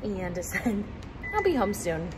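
A woman's voice: medium pitch, very animated, measured pace, heavy background noise. A woman in her thirties talking casually into a phone held at arm's length, chatty and upbeat, with fillers and small laughs. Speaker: vlogger. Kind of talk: casual vlog chat. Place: rooftop, car, store and city balcony. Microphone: phone camera held at arm's length.

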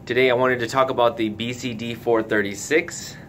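A retailer's tutorial host runs a casual, hands-on product walkthrough, giving careful instructions step by step. His pace is brisk, his intonation fairly even, and his tone a bit bright. The clip has noticeable background noise with a low rumble.

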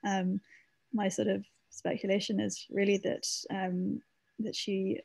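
A woman's voice: mid-range voice, little pitch movement, measured pace, creaky, darkish tone, slightly rough, dry recording, rough recording. A woman author answering audience questions in an online talk, hesitant with many ums and restarts. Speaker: author speaking at a library talk.

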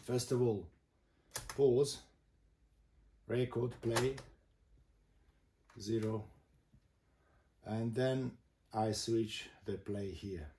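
Slow, halting man in an echoey room. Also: mid-range voice. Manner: halting, step-by-step delivery in short phrases. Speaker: host demonstrating vintage boomboxes. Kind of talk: informal product demonstration. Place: indoor room with a table of boomboxes. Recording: echoey room, loud noise, mechanical clicks.

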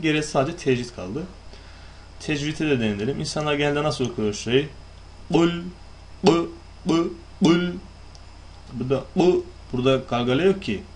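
A man's voice: mid-range voice, slight background noise. A man giving a lesson on recitation rules, asking and answering his own questions and demonstrating how words are pronounced. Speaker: Quran recitation teacher. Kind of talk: explanatory lesson.

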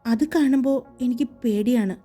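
A woman voicing a timid, gentle young woman in a soft, raised, pleading voice for a romance audiobook. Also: on the high side, moderate pace, soft background music, natural voice. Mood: shy.

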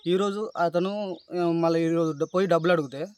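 A man with a Telangana Telugu accent giving distressed, halting testimony in an interview, pleading and repeatedly addressing the listener as sir. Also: fairly high pitch, steady tone, a little mellow, smooth. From Telangana, India. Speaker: complainant describing police abuse.

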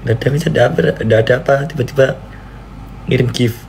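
A man preaching and chatting on a live stream, playfully pleading and jumping into squeaky high cries, with a faint hiss behind him. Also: fast talker, darkish tone. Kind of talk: casual live-stream chat.

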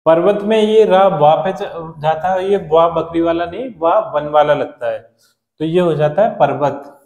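A male teacher patiently explaining a lesson to children, repeating key words and spelling them out slowly. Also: on the high side, a little mellow, reverberant.

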